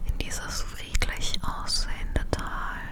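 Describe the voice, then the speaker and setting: A woman guides the listener through an imagined dream journey entirely in a whisper. Her delivery is soft and dreamy, with very slow, soothing phrasing in an ASMR style. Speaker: guided relaxation narrator.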